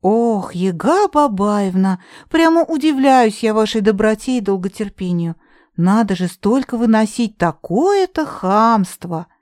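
A woman reader voicing a young heroine who speaks sweetly and flatters with exaggerated indignation. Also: medium pitch, a little slow, no room sound, studio quality, pitched above the performer's own voice, lightly acted. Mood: flattering.

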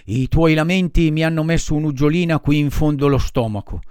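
A man voicing a gruff, blustering bearded puppet master with a raspy, rattling voice. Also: brisk, darkish tone, dry recording, studio quality, close to an everyday voice. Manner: blustering, booming and drawn out.

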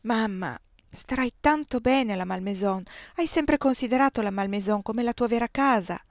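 Woman reader as anxious young daughter, earnest and soft, dry read. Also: a little high, normal speed, no room sound, voice pushed up, natural voice. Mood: coaxing.

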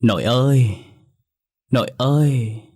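A man voicing a possessed boy who speaks as a vengeful little girl ghost, shrill and taunting. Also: slow pace, darkish tone, slightly rough. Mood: eerie.

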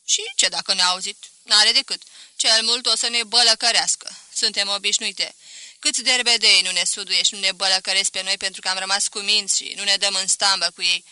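A woman voicing a bitter, haughty aging spinster who talks in a loud and sharp way. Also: mid-range voice, steady tone, smooth, no room sound. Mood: scornful.

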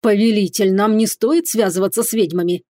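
A woman reading an audiobook, voicing a haughty male lord who talks in a slow, disdainful way. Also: mid-range voice, fairly even intonation, mellow, no echo, clean studio sound, close to an everyday voice.

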